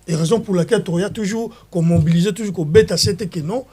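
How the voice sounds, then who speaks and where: A man from the Democratic Republic of the Congo, with a Congolese French accent, appears as a political guest in an interview. His high-pitched, slightly rough voice has a dark tone and a quick pace, and he speaks passionately with stumbling restarts and repetitions, slipping in Lingala phrases.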